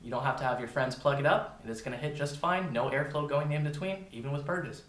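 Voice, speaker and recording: Fast-talking man reviewing in an echoey room. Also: on the high side, slight background noise. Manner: informal, addresses viewers as "you guys". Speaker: product reviewer. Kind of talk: casual video product review.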